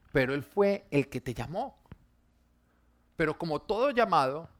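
A man preaches, talking in a relaxed, chatty way as he weaves personal stories into his sermon. His voice sits in a middle register for a man, and he drops it soft and quiet when the moment turns tender. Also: mid-range voice. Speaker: pastor.

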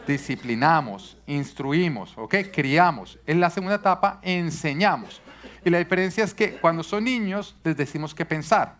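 A man's voice: on the high side, expressive, normal speed, a bit bright. Earnest man preaching. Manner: earnest teaching with rhetorical questions. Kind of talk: sermon on parenting.

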